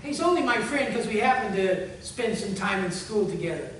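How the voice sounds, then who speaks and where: A man preaching a sermon as pastor, telling a story in a conversational way and closing in soft prayer. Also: high voice, lively intonation, moderate pace. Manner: conversational storytelling, earnest appeal, fading to hushed prayer. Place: church sanctuary. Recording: echoey church hall, far from mic, faint hum.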